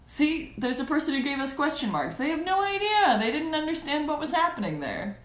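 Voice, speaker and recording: A chatty, pompous male archangel, as a woman plays him on a cosplay role-play livestream. Her pitch jumps all over, lively and playful. It sounds like an echoey room. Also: brisk. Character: Archangel Gabriel, a cheerful, pompous male angel.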